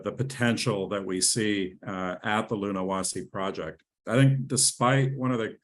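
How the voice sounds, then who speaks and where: Enthusiastic man presenting in a webinar. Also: fairly low pitch. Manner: enthusiastic, with frequent restarts and fillers. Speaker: company president and CEO presenting.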